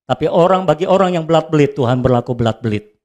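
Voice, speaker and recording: A man preaching a sermon as a pastor, swinging between loud high calls and soft low asides. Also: expressive, quick pace.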